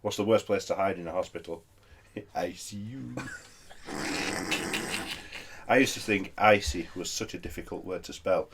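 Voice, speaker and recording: A man's voice: deep voice, fairly even intonation, quick pace, hardly any pauses, background noise. A British man telling dad jokes in a casual swap among friends, setting each one up and delivering the punchline.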